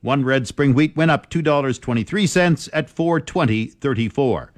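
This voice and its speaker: A man's voice: mid-range voice, moderate pace, no echo. Radio newsman, dry studio sound. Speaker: radio farm news presenter. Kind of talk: scripted radio news and market reading.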